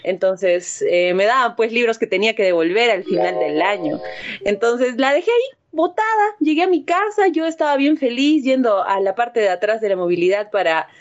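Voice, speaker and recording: A young woman, casually telling a story to friends and acting out the voices with big jumps in pitch. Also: lively intonation, moderate pace. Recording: dull lo-fi recording.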